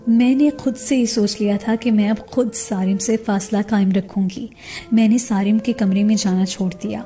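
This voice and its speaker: Mellow-voiced woman narrating a story. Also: fairly high pitch. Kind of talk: first-person story narration. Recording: faint background music.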